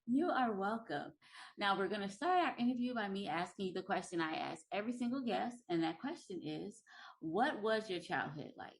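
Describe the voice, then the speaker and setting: A woman's voice: mid-range voice, lively intonation, moderate pace. Female podcast host, upbeat and emphatic, introduces and interviews guests. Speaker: podcast host and relationship coach.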